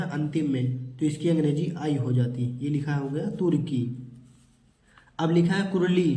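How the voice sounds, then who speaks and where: A man's voice: a little high, dark tone. Patient male teacher in an echoey room. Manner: patient, repetitive, asks and answers his own questions. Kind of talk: children's spelling lesson.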